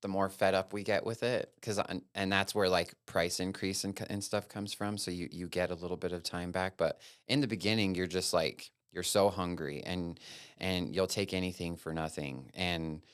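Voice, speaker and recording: A man's voice: sits low, steady tone, normal speed, smooth, dry recording, studio quality. A man from Wyoming, a guest photographer, talking candidly and earnestly in a casual interview, with long run-on thoughts.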